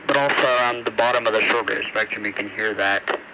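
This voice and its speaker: Speaking briskly in a lowish voice, a man works through a casual hands-on radio demonstration, rambling and thinking aloud for his hobby video. It's shot on a phone camera whose distance keeps changing. The noisy recording carries radio static and shortwave noise.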